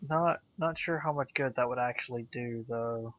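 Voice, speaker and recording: A man's voice: mid-range voice, moderate pace, background noise. A man chatting casually as a player in a tabletop role-playing game. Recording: dull, muffled sound.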